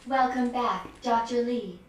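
A calm female computer voice acted by a woman delivers voicemail system prompts in a video game. It is high and very slow, measured and impersonal, with a strong echo around it. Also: close to an everyday voice. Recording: echoey, noisy game audio.

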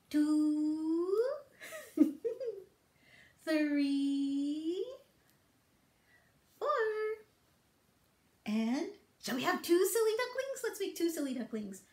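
In a small book-lined office with a roomy echo, a middle-aged woman who hosts children's storytime speaks to small children with a high, very animated voice. She reads aloud and leads songs and rhymes for toddlers in a playful, singsong, encouraging way, taking her time over the words.

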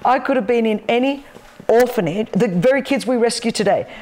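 On a talk show filmed in a spacious loft studio with wooden beams, a guest from Australia in her fifties recounts her story with passion and emphasis, both hands gesturing nonstop. She speaks briskly in a slightly high, darkish voice.

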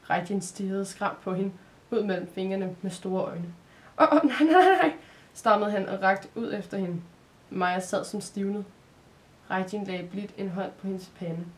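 A woman from Denmark narrating an advent storybook in a calm, measured reading voice. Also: mid-range voice, slight background noise.

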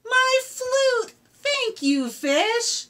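A woman voicing a cheerful, eager young female ferret in a children's storybook, calling out in a high, excited voice. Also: very slow, full character voice.

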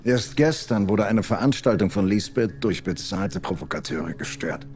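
Actor as mellow, smug male show host. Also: fairly low pitch, animated, normal speed, faint music behind, close to an everyday voice. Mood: smug, insinuating. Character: smug, insinuating conspiracy-minded talk show host.

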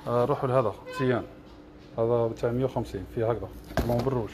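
A man with an Algerian Arabic accent runs down shoe models one after another, listing prices and colors. He talks quickly at an ordinary middle pitch. Clear shop ambience hums behind him. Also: steady tone, noisy background. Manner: rattles off prices and colors in a list. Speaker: shop seller. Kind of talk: product showcase livestream.

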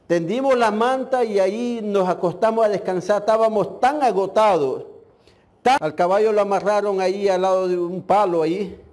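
A man's voice: high voice, normal speed, darkish tone. A male pastor preaching a sermon, telling a personal testimony in an earnest, emotional way. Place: church in Puerto Rico.

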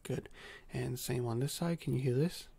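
A man in a whispered role-play as a doctor giving a calm nerve exam, speaking softly and slowly with hesitant fillers. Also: medium pitch, gravelly, slight background noise. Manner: soft-spoken, slow and gentle, with frequent hesitant fillers.

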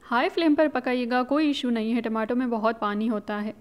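On her own cooking channel, a woman casually walks viewers through a recipe step by step, chatty and instructive, mixing English words into her speech. Her voice is fairly high, steady, and clean, and she talks briskly.

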